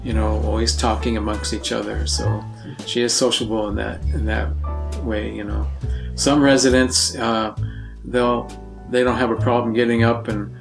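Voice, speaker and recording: A man speaking about an elderly resident he looks after, hesitant and peppered with fillers. His voice is low and gravelly, with little rise and fall, and faint music behind. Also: little pitch movement, moderate pace. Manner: hesitant, full of "you know" fillers. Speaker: caregiver. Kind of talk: documentary interview.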